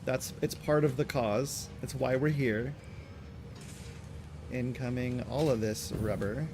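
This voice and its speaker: A man's voice: mid-range voice, takes it slowly. A man streaming a factory-building game, chatting casually to himself as he plays, often addressing the machines. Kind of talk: casual gameplay commentary. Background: game music.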